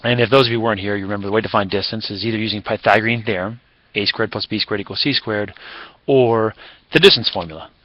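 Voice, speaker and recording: A man's voice: lowish voice, quick pace, no room sound, highs cut off. A man teaching a recorded math lesson in a casual, chatty way, with fillers and self-corrections.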